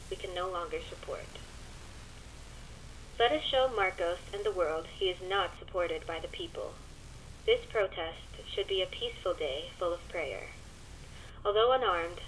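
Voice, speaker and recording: Resolute woman politician played by an actress, rally speech, measured earnest oratory, lowish pitch, faintly noisy radio sound. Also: lightly acted. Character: resolute widowed woman opposition leader addressing a rally. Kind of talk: scripted political speech acting.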